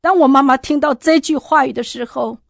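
A woman's voice: high-pitched, fairly quick, vocal fry, no echo, clean studio sound. Earnest woman giving testimony. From Taiwan. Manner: earnest, heartfelt, addresses listeners directly. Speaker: testimony speaker.

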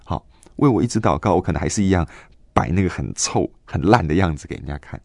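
A man in his twenties telling a personal faith story in an interview, earnest and halting, with many fillers and restarts. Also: deep voice, animated, gravelly, darkish tone, no echo, clean studio sound. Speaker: guest giving a faith testimony.

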